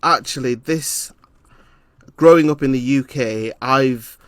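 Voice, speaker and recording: Man from Leeds, reflective conversational delivery, mid-range voice, dry close sound, frequent pauses. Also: mid-range voice, no echo. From Leeds, England. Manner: thoughtful, hesitant with frequent ums; laughs often while telling stories. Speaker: interviewer.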